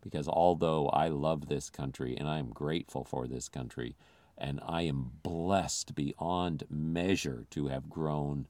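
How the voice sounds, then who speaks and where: A man's voice: extremely low pitch, steady tone, unhurried, a little mellow, no echo. A man who grew up in the Philippines, giving an earnest, confessional sermon as a pastor.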